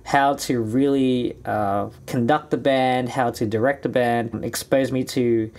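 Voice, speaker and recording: A man's voice: medium pitch, steady tone, a little slow, darkish tone. A young man with an Australian accent from Sydney, talking in a chatty, upbeat vlog to camera from a small studio. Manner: chatty, upbeat, gestures a lot with hands. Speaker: musician and vlogger. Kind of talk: casual direct-to-camera vlog. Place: small indoor music studio.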